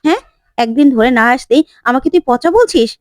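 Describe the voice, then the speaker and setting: A woman voicing a sharp-tongued, spiteful young wife who scolds in quick, cutting lines. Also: high-pitched, animated, dry recording, clean studio sound.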